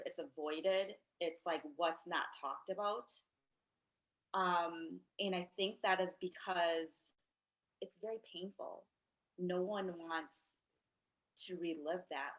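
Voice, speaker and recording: A woman co-hosting a podcast, speaking reflectively and haltingly, with many "like"s. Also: lowish voice, a bit bright, low-quality recording. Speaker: podcast co-host. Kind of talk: casual conversation.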